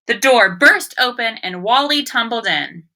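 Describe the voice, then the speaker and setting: Reading aloud for a phonics lesson, a female elementary teacher talks directly to children and carefully sounds out words with emphasis. She speaks at a measured pace, her somewhat high, expressive voice pushed and bright.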